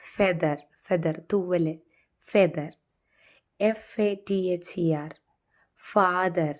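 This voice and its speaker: Patient woman teacher, slow and low-pitched, spells and repeats words for learners. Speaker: English phonics teacher. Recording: faint music behind.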